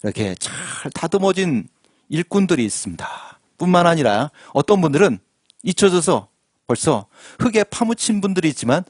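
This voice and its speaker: A man's voice: fairly high pitch, big pitch swings, moderate pace, no echo, studio quality. A man preaching a sermon as pastor, asking the congregation questions and drawing call-and-response. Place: church sanctuary.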